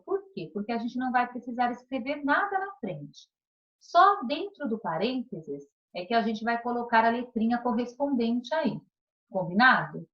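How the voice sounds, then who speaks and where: A woman teacher with a Brazilian Portuguese accent leads a recorded class for young pupils. Her fairly high voice swoops up and down as she asks questions and checks that everyone follows. The sound is dull and lo-fi. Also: fairly bright tone. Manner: patient, questioning, checks in with "tá?" and "combinado?". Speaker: primary school teacher. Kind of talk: recorded remote class lesson.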